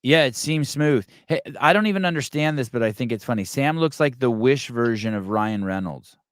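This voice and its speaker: A man's voice: mid-range voice, lively intonation, moderate pace, no room sound, studio quality. A man hosting a podcast in loose, casual interview chat, swearing freely and stammering on restarts. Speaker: podcast host.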